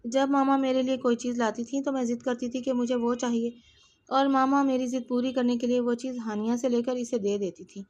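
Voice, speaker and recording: A wounded young woman tells of years of mistreatment in a soft, sobbing voice, read by a woman narrating a novel. The voice is fairly high and gentle, kept close to a plain reading voice. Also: level tone, muffled recording, close to an everyday voice. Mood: tearful.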